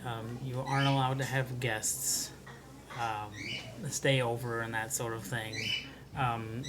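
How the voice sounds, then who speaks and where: Even-toned American man, noisy background. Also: mid-range voice. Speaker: orientation staff organiser. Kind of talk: informal explanation of rules. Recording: clear ambient background noise.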